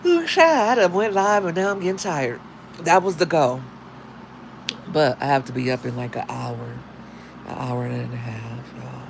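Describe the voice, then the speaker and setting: Speaking a little slowly but with lively intonation, a woman greets her livestream viewers in a deep, husky morning voice. As a single mom and content creator, she talks casually and adds slangy, chatty asides, recorded on a phone over background noise.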